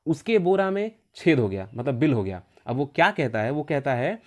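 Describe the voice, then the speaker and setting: A man's voice: mid-range voice, sing-song, normal speed. A male teacher giving an exam-prep vocabulary lesson, asking questions and answering them himself, repeating key points. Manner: repetitive, asks and answers own questions.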